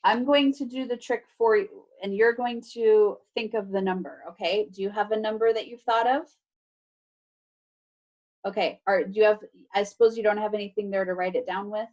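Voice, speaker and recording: Over a video call for a remote class, a woman teacher reads a children's book aloud, expressive and instructive, adding playful emphasis and casual asides to her pupils. Her pitch is medium and her speed normal, with the high frequencies cut off.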